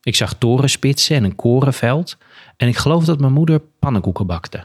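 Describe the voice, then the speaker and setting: Husky man with a lively voice, reading aloud. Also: medium pitch, fairly quick. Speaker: guest reader. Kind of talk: reading a story aloud and discussing.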